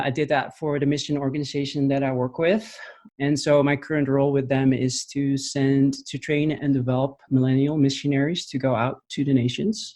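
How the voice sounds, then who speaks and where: A man with a Dutch accent, answering interview questions thoughtfully, with frequent pauses and restarts. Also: medium pitch, a little mellow. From Netherlands. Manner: thoughtful, halting, many fillers and restarts. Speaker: podcast guest, missionary trainer.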